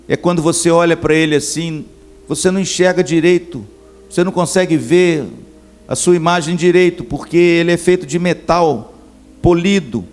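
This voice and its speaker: A man's voice: on the high side, darkish tone. A middle-aged male pastor preaching a sermon at a church camp, speaking to his listeners as brothers. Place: church camp meeting hall.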